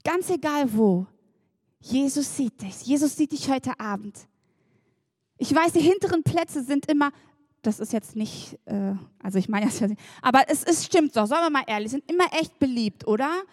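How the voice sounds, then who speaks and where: A high-voiced woman delivers a sermon in a lively, chatty way, turning often to speak directly to her listeners. Her voice sits dry and close, with hardly any room sound around it. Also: moderate pace, dry recording. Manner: lively and chatty, laughs and addresses the congregation directly. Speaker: preacher.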